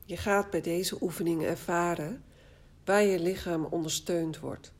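A woman guiding a body scan relaxation exercise, speaking calmly and soothingly in short phrases with long pauses. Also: lowish voice. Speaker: guided meditation instructor.

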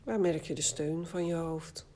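A woman guiding a body scan relaxation exercise, speaking calmly and soothingly in short phrases with long pauses. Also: deep voice, a little hiss or hum. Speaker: guided meditation instructor.

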